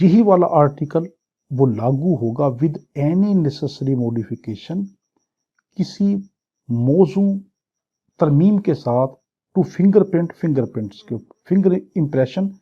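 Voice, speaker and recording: A Pakistani law lecturer gives an exam-prep lecture, reading English clauses, explaining them didactically, and answering his own questions. His voice is on the high side and slightly rough, with the high frequencies cut off.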